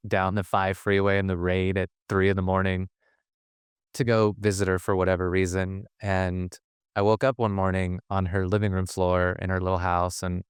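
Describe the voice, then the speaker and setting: A man's voice: low voice, clear, resonant tone, no echo, clean studio sound. A man who is a spiritual teacher, telling a personal story in a rambling way, often breaking off his sentences and laughing.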